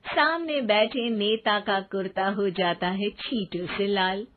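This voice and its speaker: A woman giving rhyming scripted narration for an animated family story, on a tinny, phone-like recording. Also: medium pitch, a little slow, slight background noise.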